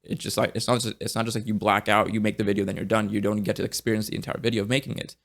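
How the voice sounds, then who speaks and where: A man hosting a casual interview podcast, speaking low with a gravelly edge. His delivery stays fairly flat, and he is earnest and reflective, often restarting his thoughts mid-sentence. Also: very fast. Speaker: podcast host.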